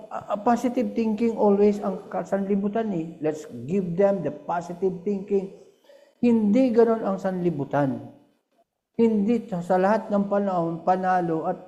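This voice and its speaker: A man's voice: high voice, mellow, dull audio. An older man with a Filipino accent, a missionary preacher giving a short earnest devotion, switching often between Tagalog and English.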